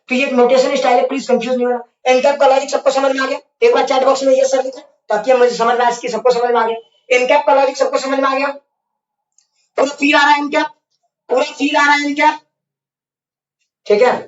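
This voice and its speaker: Guy teaching physics online, keeps asking did you get it, teases students, dull roomy sound. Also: very high-pitched. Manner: coaxing, keeps asking students if they follow; playfully scolds students. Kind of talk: online class lecture. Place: online class. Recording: echoey, distant, dull mic.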